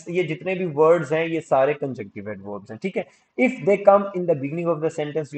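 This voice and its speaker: A man teaching English grammar for exam prep, switching between Hindi-Urdu and English and reading example sentences slowly with stress. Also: on the high side, dark tone. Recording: dull lo-fi sound.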